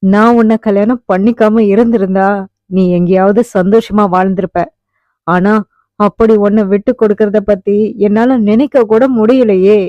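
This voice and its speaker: A woman's voice: mid-range voice, steady tone, normal speed, no room sound, natural voice. A woman voicing a desperate young husband. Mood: pleading. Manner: pleading then commanding. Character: anguished young husband, fierce when roused. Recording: dull, muffled audiobook recording.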